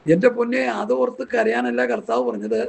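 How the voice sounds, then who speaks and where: A man's voice: very high-pitched, steady tone, a little fast, creaky, darkish tone. A man preaching a Bible study sermon in an impassioned, scolding way, full of rhetorical questions. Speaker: pastor.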